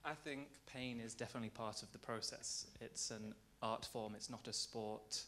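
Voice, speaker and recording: A man with a mid-pitched voice answers in a rehearsal studio, explaining his work earnestly and at length. His talk is steady and reasoned, with a conversational tone. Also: normal speed, crowd noise. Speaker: ballet dancer.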